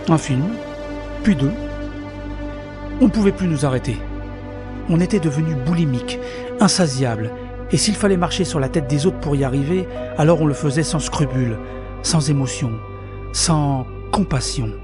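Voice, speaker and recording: A man's voice: fairly high pitch, normal speed, long pauses, close to an everyday voice. A man narrating his own story in the first person in an audio drama, bitter and introspective. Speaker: narrator and lead character. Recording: soft music underneath.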